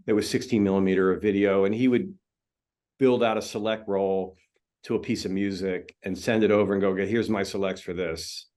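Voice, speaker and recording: Here a low-pitched man speaks fairly quickly, a film editor being interviewed. He sounds easygoing and conversational, often using fillers and restarting his thoughts.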